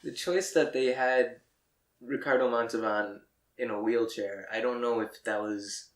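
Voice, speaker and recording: A man co-hosting a casual movie discussion podcast, wry and critical, with quick asides. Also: mid-range voice, steady tone. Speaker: podcast co-host. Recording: echoey room.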